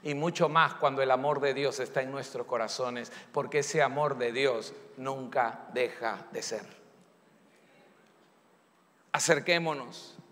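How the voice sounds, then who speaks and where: Bright-voiced preacher in an echoing hall. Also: male voice, mid-range voice, measured pace. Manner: emphatic preaching, acting out pleas and excuses. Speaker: pastor. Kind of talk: sermon. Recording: echoey church hall.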